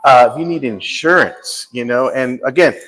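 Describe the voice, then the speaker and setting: A man's voice: moderate pace, fairly bright tone, poor audio. A man in his fifties hosting a live lifestyle show, teasing his co-host in joking, playful chat. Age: 50s. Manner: teasing, playful, jumps high in pitch when joking. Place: indoor studio set with a painting behind.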